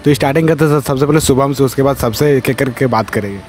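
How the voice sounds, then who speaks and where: Fast-talking young man vlogging a meal. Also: medium pitch. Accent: Jharkhand Hindi. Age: young adult. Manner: chatty, repeats himself to the camera. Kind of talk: casual food vlog narration. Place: outdoor bamboo restaurant. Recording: loud background music.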